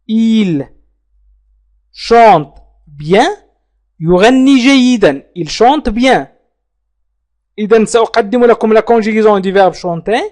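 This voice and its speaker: Slow, high-voiced man teaching a lesson. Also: a little mellow. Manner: slow, repeats phrases with careful spelling. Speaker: French teacher. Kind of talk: language lesson.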